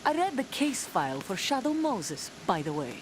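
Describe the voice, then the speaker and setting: An actress plays a young female soldier leader from a video game, bitter and confrontational, with lively swings in pitch. Every line is delivered as a defiant challenge. The audio carries a clear hiss. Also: moderate pace, close to an everyday voice. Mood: bitter, accusing. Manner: accusing, confrontational. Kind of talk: dramatic video game acting.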